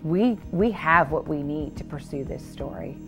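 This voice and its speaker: A woman's voice: sits low, animated, moderate pace, soft background music. A woman news reporter telling her story in a documentary interview, earnest and repeating words when stressing a point.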